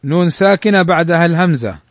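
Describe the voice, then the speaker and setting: A man teaching the rules of Quran recitation. He reads the rules quickly and draws the examples out slowly. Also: fairly high pitch, animated, no room sound, clean studio sound. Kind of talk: tajweed lesson explaining a text.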